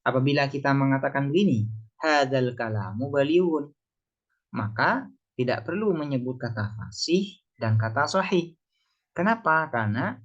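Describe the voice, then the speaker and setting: A man with an ordinary mid-range voice gives a religious text lesson. He works through the text phrase by phrase, turning each Arabic line into plain speech and posing his own questions before answering them. The recording sounds a little dull and lo-fi. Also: medium pitch. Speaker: religious teacher. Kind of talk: kitab study lesson, translating Arabic text.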